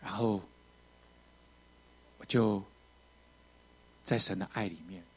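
A man preaching a testimony, telling his story with strong feeling, rising to loud outbursts and dropping to quiet moments. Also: fairly low pitch, takes it slowly, husky. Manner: emotional, animated storytelling with sudden loud outbursts and quiet drops. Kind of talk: sermon testimony.

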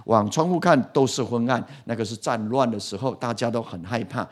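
A middle-aged man preaching a sermon. He keeps asking the congregation questions and swings from loud to soft. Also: mid-range voice, a little fast. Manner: lively, asks the congregation questions, animated swings in loudness. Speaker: pastor.

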